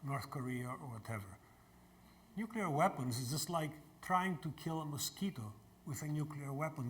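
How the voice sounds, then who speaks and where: An older man from Greece, giving a university lecture and taking audience questions in a measured way. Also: medium pitch, a bit bright, slight background noise. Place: lecture hall.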